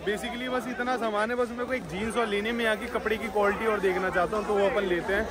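Over the crowd noise of a street market, a young man vlogs casually, chatting and haggling to camera as he shops a busy night market. His voice sits high and steady, and he talks fast.

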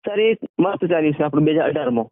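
A singer and band owner from Gujarat, India, talks casually in a phone interview, speaking very fast in a fairly high voice. The call comes through a tinny, narrowband phone line with no echo.

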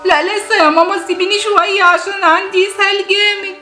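A woman's voice: extremely high pitch, fairly even intonation, fast, sharp tone, faint music behind. A woman with an Egyptian Arabic accent voicing a little girl doll with a tummy ache, in a childlike, whiny voice. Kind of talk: doll play acting. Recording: echoey room.

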